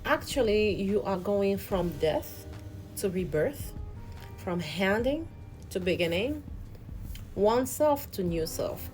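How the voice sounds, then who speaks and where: A woman with a mid-range voice hosts a channel, offering an earnest, reflective spiritual motivational talk in which she often repeats and restarts words. The recording sounds rough.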